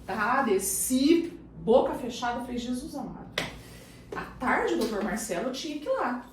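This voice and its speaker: A woman with a Brazilian Portuguese accent, a guest on an interview show, telling a personal story in a lively way and acting out what others said. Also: high voice, normal speed. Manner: animated storyteller who acts out the other people's lines. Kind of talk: casual chat, personal storytelling. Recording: very echoey room, distant mic, faint noise.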